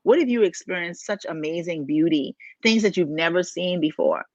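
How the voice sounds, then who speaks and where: A woman's voice: fairly low pitch, moderate pace, no echo. A woman from the Bahamas, a life coach co-hosting a motivational podcast, speaking emphatically with many rhetorical questions. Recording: dull, dry, lo-fi sound.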